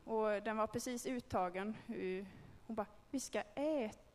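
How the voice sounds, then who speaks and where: A woman's voice: on the high side, a little mellow, long reverb tail, a little hiss or hum. A woman giving a candid, conversational personal testimony to a group, with frequent hesitations. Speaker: speaker telling a personal faith story.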